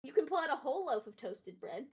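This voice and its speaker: A woman runs a tabletop game as game master, with a high, light voice. She narrates each outcome in a plain, matter-of-fact way. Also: big pitch swings, fast, a little mellow.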